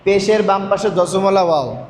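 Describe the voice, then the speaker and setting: A man's voice: high-pitched, moderate pace, slight background noise. A man teaching Quran reading in a call-and-response lesson, with a patient manner, asking questions over and over. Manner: patient, drills by repeating questions.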